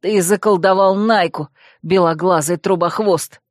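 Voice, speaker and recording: A woman voicing a hot-headed young male fox shapeshifter prince who croaks hoarsely and whines when upset. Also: on the low side, fairly even intonation, measured pace, no room sound, studio quality, natural voice. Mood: angry.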